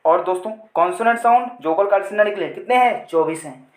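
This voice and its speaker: High-voiced male teacher drilling a lesson. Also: fast talker, roomy sound. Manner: repetitive, drilling, asks and answers own questions; addresses viewers as friends. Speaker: English teacher. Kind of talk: Hindi-language online English lesson.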